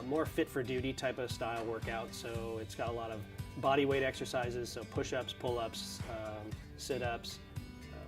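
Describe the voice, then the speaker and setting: Man, fire academy instructor, interview, steady explanatory delivery, filler words, middle pitch, guitar music underneath. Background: background music.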